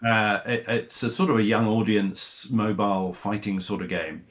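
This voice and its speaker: Low-voiced man telling rambling stories. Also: steady tone, normal speed. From Scotland. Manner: rambling, many fillers and restarts. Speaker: voice actor guest. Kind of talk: casual interview chat.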